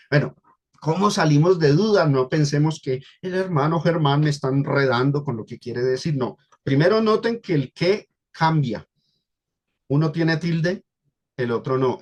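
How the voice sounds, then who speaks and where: A Colombian man preaching a Bible study to a congregation. His voice sits fairly high, and he speaks in a teaching manner. He slows down on key words and repeats them for emphasis. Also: a little mellow.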